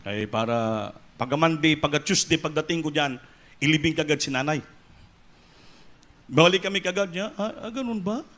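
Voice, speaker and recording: A middle-aged Filipino man preaching a sermon, telling a personal story softly and then rising into loud exclamations, mixing English words into his speech. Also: on the high side, moderate pace. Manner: switches between soft storytelling and loud exclamations; mixes English words into Tagalog.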